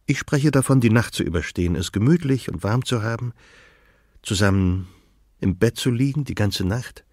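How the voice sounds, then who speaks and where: A man reading an audiobook, voicing a calm, frank woman of about seventy in a slightly raised voice. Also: lowish voice, moderate pace, no room sound, studio quality, voice pushed up. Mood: candid. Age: 70s. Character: gentle, direct woman of seventy. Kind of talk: audiobook dialogue.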